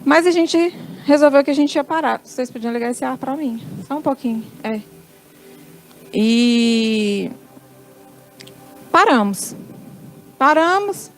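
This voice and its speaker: A high-pitched, middle-aged woman with a Brazilian Portuguese accent tells her testimony to a church. She slips into soft voices for the quoted dialogue as the story goes on. Faint music plays beneath her. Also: unhurried, low-quality recording. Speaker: church speaker giving testimony.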